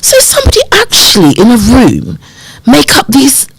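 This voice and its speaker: A woman's voice: a little high, moderate pace, vocal fry, background noise. A woman, a podcast guest telling her life story and acting out remembered conversations. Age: 50s. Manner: animated storyteller who acts out remembered dialogue. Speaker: podcast guest, community development worker. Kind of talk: personal storytelling in a podcast interview.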